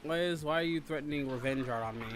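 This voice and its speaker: With a crowd audible in the background, a man on the high side talks fast while hosting a casual livestream. He reads and answers viewer comments, rambling repetitively and making teasing complaints.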